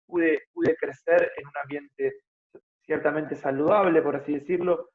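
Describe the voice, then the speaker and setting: Guest, 30s, Buenos Aires accent, fairly high voice, thinks aloud, slightly muffled audio. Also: male voice, steady tone, measured pace. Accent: Argentine Spanish (Buenos Aires). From Argentina. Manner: explanatory, thinks aloud with frequent tag questions. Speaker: guest, fitness motivator. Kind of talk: casual interview conversation.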